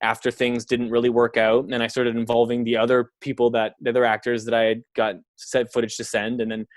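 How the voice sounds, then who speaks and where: This man, a filmmaker from Canada, rambles through a casual podcast conversation as a guest, leaning heavily on fillers and occasional profanity. He speaks briskly in a monotone, mid-range voice. The studio sound is clean with no echo.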